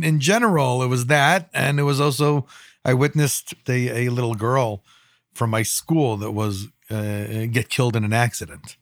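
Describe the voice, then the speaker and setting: A man of about fifty from Israel, a podcast co-host, telling personal stories casually and haltingly. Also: on the high side, fairly bright tone, no echo, studio quality. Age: around 50. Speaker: podcast co-host and emergency responder.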